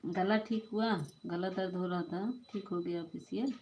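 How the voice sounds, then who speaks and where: A woman's voice: fairly low pitch, fairly even intonation, normal speed, a little mellow, highs cut off, a little hiss or hum. A woman hosting a live stream, chatting casually and answering her viewers' comments as she talks back to them.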